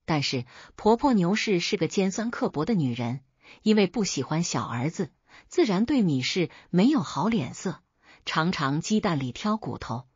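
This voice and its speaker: A woman storyteller reading a folk tale as steady, expressive scripted narration on a dull, dry recording. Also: fairly low pitch, normal speed, slightly rough, dry recording.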